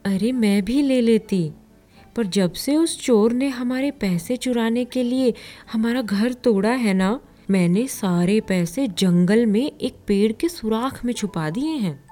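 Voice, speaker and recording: A woman's voice: on the high side, slow, dark tone, faint music behind. Woman playing a clever village wife. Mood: knowing.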